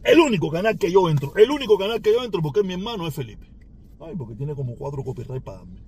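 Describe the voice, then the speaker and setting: A man's voice: a little high, big pitch swings, fast talker, a little mellow, a little hiss or hum. A man with a Cuban Spanish accent, ranting at a rival on his podcast in a taunting, sarcastic way with mocking laughs. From Cuba. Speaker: podcast host.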